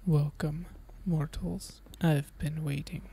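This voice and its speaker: A withered old hag of a horror story hisses in a dry, croaking whisper, as a woman puts her on in a breathy, husky hush. The voice sits low and dark, slow and menacing. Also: fairly even intonation, heavily acted. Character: withered malevolent old crone hag, female.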